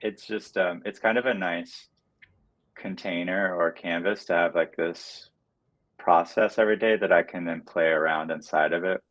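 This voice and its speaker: A man speaks as a musician guest in a livestream interview over a video call. His voice is very low. He talks softly and hesitantly, leaning on frequent fillers. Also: fairly even intonation, normal speed, poor audio. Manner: soft-spoken, hesitant with many fillers.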